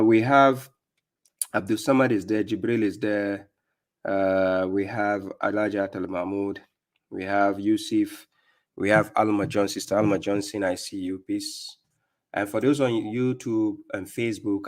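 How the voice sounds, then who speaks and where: A middle-aged man with a Ghanaian accent and a fairly low voice leads a live-stream religious talk. He speaks emphatically and firmly, often stopping to ask his viewers "right?". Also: level tone, a little slow. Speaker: livestream host and religious speaker.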